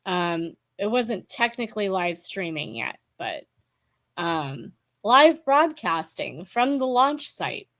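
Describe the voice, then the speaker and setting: Slow, hesitant woman in her forties. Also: mid-range voice, sing-song, a bit bright. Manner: hesitant, musing, many ums. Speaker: book vlogger. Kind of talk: casual book chat to camera.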